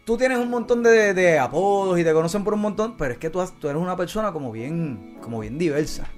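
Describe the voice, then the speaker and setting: Male talk host, high-pitched, playful and slangy, faint music underneath. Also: fairly quick. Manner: joking, slangy, lively. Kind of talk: casual interview chat.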